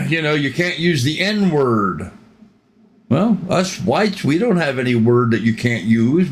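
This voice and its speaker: A man's voice: medium pitch, a little hiss or hum. An older man hosting a reaction channel, giving rambling, opinionated commentary with frequent ums.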